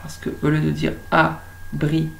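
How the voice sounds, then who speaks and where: Slow, gravelly French teacher. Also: female voice, fairly low pitch, darkish tone, low-quality recording. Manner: slow, deliberate, stretches out words for children. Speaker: kindergarten teacher. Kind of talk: lesson for young children.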